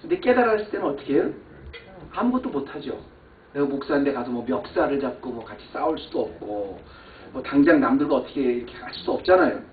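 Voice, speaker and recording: Pastor guy preaching in a church, goes quiet then loud, echoey room, kinda tinny and far off. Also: mid-range voice, quick pace, slight background noise. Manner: animated, swings from quiet to loud exclamations. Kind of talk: sermon with personal testimony. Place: church sanctuary. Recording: echoey church hall, far mic, phone-like band.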